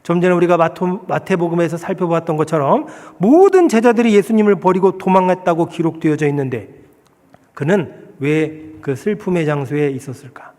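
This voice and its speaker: Brief: male pastor, slightly high voice, earnest sermon delivery, long hall reverb. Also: mellow. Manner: earnest preaching with rhetorical questions and slow emphatic scripture reading.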